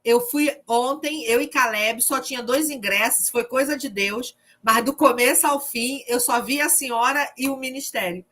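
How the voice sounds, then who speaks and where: Bright, lively woman preaching. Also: high voice, normal speed, few pauses. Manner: lively, humorous, testimony-telling. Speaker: discipleship group leader. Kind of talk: informal preaching to an online group.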